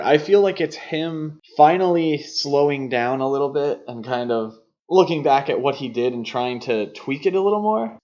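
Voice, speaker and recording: A man with a mid-range, slightly mellow voice co-hosts a podcast, discussing film in a casual, opinionated, conversational way. The audio is dull, muffled, and lo-fi.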